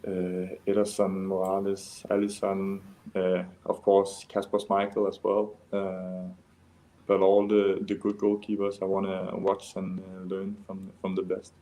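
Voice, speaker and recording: A man's voice: low voice, completely flat delivery, measured pace, dark tone. A young man from Denmark answering interview questions casually, with many fillers and restarts. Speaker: interview guest, goalkeeper.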